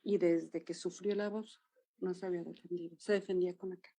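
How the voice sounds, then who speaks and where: A dance movement therapist with a Mexican accent talks fast in a lowish voice during an interview. She animatedly recounts therapy cases, acting out the dialogue as she tells each story.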